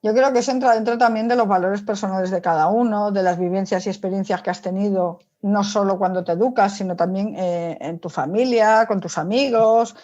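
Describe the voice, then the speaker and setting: She speaks fairly quickly with few pauses, her mid-range voice a little mellow and her intonation fairly even. As a psychologist guest in an interview, she explains her opinions informally and emphatically, often asking rhetorical questions, and the audio sounds dull and lo-fi.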